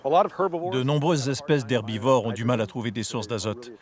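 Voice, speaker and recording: A man speaking as a wildlife researcher, giving measured, articulate explanations for a documentary. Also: mid-range voice.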